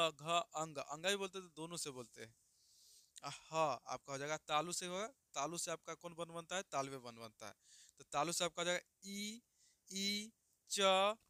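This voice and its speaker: A man gives a grammar lesson in a clear, resonant voice with a fairly high pitch. He asks a question, answers it himself, then sounds out each letter slowly for the class to repeat. The recording is dry and close. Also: bright, forceful tone, no echo. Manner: repeats questions and answers them himself, calls listeners "babu". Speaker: teacher.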